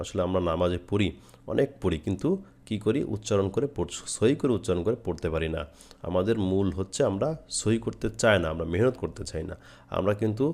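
A man's voice: low voice, a little mellow. A man from Bangladesh teaching Quran recitation step by step, explaining each phrase plainly. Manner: models phrases with long drawn-out chanting, then explains plainly.

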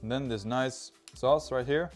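A Swedish-accented man in his thirties hosts a cooking video, chatting cheerfully while he works with food in a home kitchen whose garden door stands open. His mid-range voice is unhurried, recorded on a lapel mic over loud music, as he gives a casual cooking demonstration.

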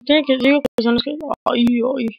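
A man with a Mexican accent giving casual gameplay commentary over a headset, muttering quietly to himself in slang with sudden excited outbursts. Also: very high-pitched, moderate pace, gravelly, no room sound, muffled recording. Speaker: gamer.

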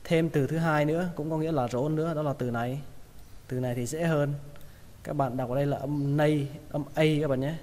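A man teaching English pronunciation, repeating each word slowly in drills. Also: a little high, steady tone, darkish tone. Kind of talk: pronunciation lesson. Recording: long hall reverb.

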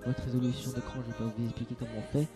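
A man's voice: mid-range voice, little pitch movement, rapid-fire, music in the background. A young man giving a casual, hesitant game tutorial, full of fillers and restarts. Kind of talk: casual screen-capture tutorial.

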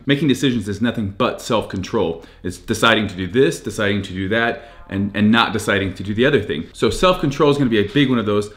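Energetic man giving motivational gym tips. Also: mid-range voice. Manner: energetic, emphatic, repeats key phrases. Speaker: fitness vlogger. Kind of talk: casual motivational talk to camera. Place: small room indoors.

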